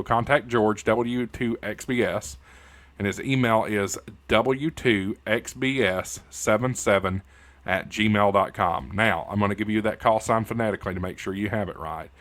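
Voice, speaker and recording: Talking directly to his viewers, calling them "y'all" and "guys," a YouTube host and amateur radio news anchor runs a casual tutorial livestream in a folksy, informal way. His Appalachian hillbilly accent rides on a lowish, slightly bright voice at normal speed.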